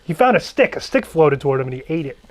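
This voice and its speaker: A man's voice: fairly high pitch, sing-song, quick pace, a little mellow. A man chatting on a podcast who laughs often and retells funny videos, doing the voices of the people in them. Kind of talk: casual podcast chat.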